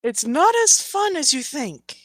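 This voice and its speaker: A woman's voice: high voice, big pitch swings, measured pace, no room sound, clean studio sound, voice pushed up. A woman voicing a huge female moose-centaur bartender in a tabletop game, answering dryly and matter-of-factly.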